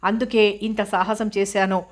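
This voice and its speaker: A woman reading the part of a resolute older female cook who speaks in a steady, firm, solemn way. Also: mid-range voice, measured pace, close to an everyday voice.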